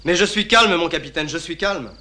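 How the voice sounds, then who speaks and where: An anxious, officious lieutenant; bright, slightly raised voice. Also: male voice, a little high, brisk, slight background noise. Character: nervous male colonial lieutenant, easily flustered. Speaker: army lieutenant. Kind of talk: film drama acting.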